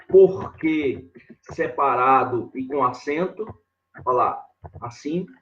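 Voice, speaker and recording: A man teaching grammar in a live online lesson, talking slowly and repeating himself as he points things out on a board. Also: medium pitch, fairly bright tone, dull audio. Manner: slow and repetitive, constantly saying "ó" and "olha lá" while writing on a board.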